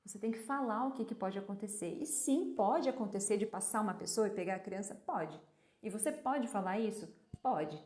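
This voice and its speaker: A woman's voice: mid-range voice, fairly quick, reverberant. Woman explaining parenting on a live stream. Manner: explains with rhetorical questions and answers; acts out gentle talks with a child. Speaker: parenting educator. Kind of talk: casual live-stream talk.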